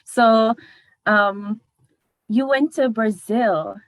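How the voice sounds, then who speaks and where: A woman's voice: on the high side, extremely slow, dry recording. A Jamaican woman hosting an interview in an upbeat, encouraging way. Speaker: host.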